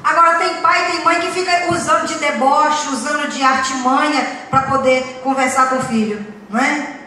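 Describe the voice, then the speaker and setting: A woman's voice: high voice, steady tone, moderate pace, pushed and bright. A woman giving a talk to parents, speaking emphatically with rhetorical questions and humorous anecdotes. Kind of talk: lecture to parents. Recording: echoey hall, distant mic, faint noise.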